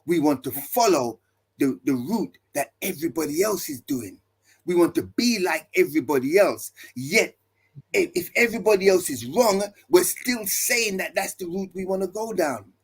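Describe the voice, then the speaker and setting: Husky-voiced male pastor preaching. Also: sits high, lively intonation, normal speed. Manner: repetitive emphatic refrains; rhetorical questions to listeners. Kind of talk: preaching talk.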